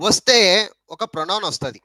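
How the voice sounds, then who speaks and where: A man's voice: high voice, expressive, brisk, bright, forceful tone, dry recording. A man with a Telugu accent teaching an English grammar lesson, repeating points and asking rhetorical questions.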